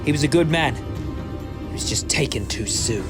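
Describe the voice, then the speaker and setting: A man's voice: mid-range voice, animated, normal speed, music in the background, close to an everyday voice. A man playing an eccentric, compassionate time-travelling hero in a sci-fi audio drama, talkative and theatrical, given to speeches. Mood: resigned.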